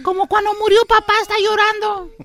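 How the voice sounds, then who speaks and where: A whiny little boy in a radio comedy sketch, voiced by a woman, pleading in a babyish way. His voice sits very high, with a sharp, bright edge. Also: level tone, a little fast.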